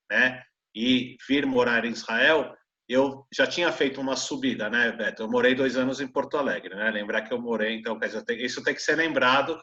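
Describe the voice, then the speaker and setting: A man's voice: mid-range voice, bright, forceful tone. A middle-aged man from Brazil, a guest speaker, talking casually and hesitantly in an online Q&A. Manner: hesitant, with restarts and fillers. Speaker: guest speaker, tour guide. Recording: dull, lo-fi call audio.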